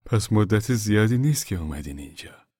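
A man's voice: fairly low pitch, expressive, mellow, husky, no room sound, clean studio sound. A man voicing an older, weary farm worker and father who talks in a bitter, worn-down way.

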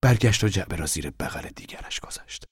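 A man reading a novel aloud as narrator, calm and measured, often dropping to a hush. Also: low-pitched, breathy edge, no room sound, whispered, studio quality. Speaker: audiobook narrator.

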